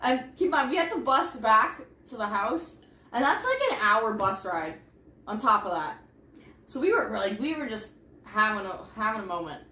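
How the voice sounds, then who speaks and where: A young woman co-hosting a casual chat podcast, ranting excitedly with lots of "like" fillers. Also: fairly high pitch, moderate pace. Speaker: podcast co-host. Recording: echoey room with faint hiss.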